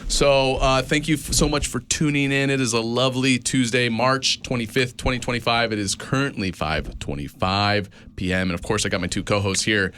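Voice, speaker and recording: A man's voice: medium pitch, fairly even intonation, moderate pace, few pauses, a bit bright, slight background noise. A man hosting a casual talk show, with upbeat, announcer-style patter full of fillers. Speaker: host.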